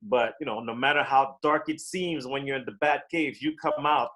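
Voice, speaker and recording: At a club meeting, a man answering a table topic delivers an impromptu motivational speech full of rhetorical questions. His voice is medium-pitched and sharp, at a normal speed, with slight background noise.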